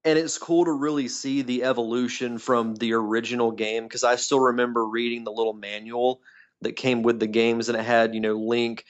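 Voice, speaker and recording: A man's voice: mid-range voice, level tone, moderate pace. A man co-hosting a podcast in casual, enthusiastic chat, heard through a tinny, metallic-sounding phone line. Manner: enthusiastic, rambling fan talk. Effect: tinny, metallic tin-can phone-line sound. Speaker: podcast co-host. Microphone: phone call.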